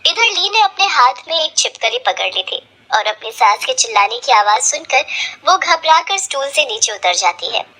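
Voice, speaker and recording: A woman narrating a cartoon story in a steady storytelling manner. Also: sits high, moderate pace.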